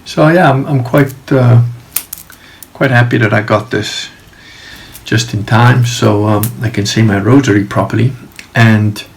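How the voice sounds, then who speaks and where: A middle-aged man talking in a casual, halting video diary, reflective and informal as he rambles. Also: fairly low pitch, creaky. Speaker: video diarist.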